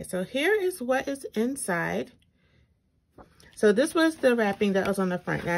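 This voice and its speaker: Creaky-voiced woman talking with braces. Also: mid-range voice. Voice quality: speech slightly impeded by dental braces. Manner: informal, thinking aloud while reading items out. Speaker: planner reviewer, video host. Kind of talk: casual walkthrough vlog, chatty commentary. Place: indoors at a tabletop, hands-only overhead shot. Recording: noticeable background noise with clicks.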